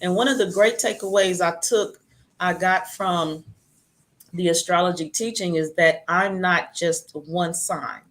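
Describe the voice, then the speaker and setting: Woman, lower voice, chatty, storytelling, casual conversation. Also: steady tone, measured pace.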